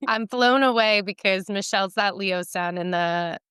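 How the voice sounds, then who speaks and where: Clear-voiced woman podcast host. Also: medium pitch, moderate pace, fairly bright tone, no room sound, studio quality. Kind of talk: casual interview chat.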